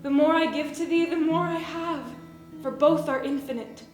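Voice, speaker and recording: A woman's voice: high-pitched, steady tone, normal speed, darkish tone, roomy sound, soft background music, lightly acted. A woman playing a lovestruck, playful, eager young maiden in theatrical Shakespearean verse. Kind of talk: theatrical Shakespearean stage acting.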